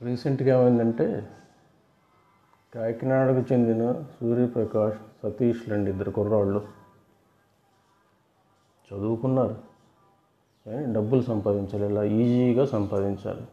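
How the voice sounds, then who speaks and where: Speaking at a measured pace with frequent pauses, a man with a steady, mid-range voice explains fraud awareness to viewers as a video host. He's casual and tends to restate things in different words, and the recording has a roomy, dull lo-fi quality.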